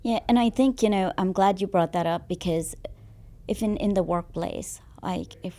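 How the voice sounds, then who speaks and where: A woman's voice: medium pitch, normal speed, mellow. A woman hosting a podcast, asking questions in a casual, affirming way and sometimes restarting her sentences. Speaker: podcast host. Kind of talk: casual interview talk.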